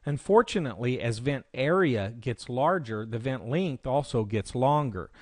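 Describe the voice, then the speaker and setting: A man presents a software walkthrough for learners, his medium-pitched voice expressive and at normal speed as he explains each step. There's no room sound; the recording is dry.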